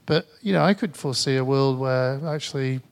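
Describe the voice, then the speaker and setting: With a mid-range, creaky voice at a fairly quick pace, this Mancunian man presents at a conference and answers questions from the audience. He is from Manchester, England, and his delivery is tired and conversational, full of hesitations and restarts.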